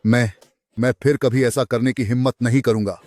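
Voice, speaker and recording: Man doing a pleading underling, stammering, mid-pitched, dubbed drama. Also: steady tone, moderate pace, darkish tone, no echo, close to an everyday voice. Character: terrified grovelling male underling.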